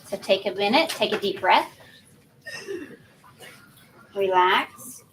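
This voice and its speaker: A woman's voice: medium pitch, expressive, slow pace, fairly bright tone, slight background noise, poor audio. Firm woman instructing students. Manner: firm, instructive, repeats rules. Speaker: spelling bee organizer. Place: school event room.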